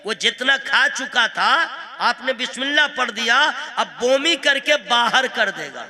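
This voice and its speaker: High, bright-voiced playful male preacher. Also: animated, unhurried. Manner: playful, laughing, coaxing the crowd; mixes in Bengali phrases. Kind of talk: jalsa sermon with sung verses. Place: open-air religious gathering.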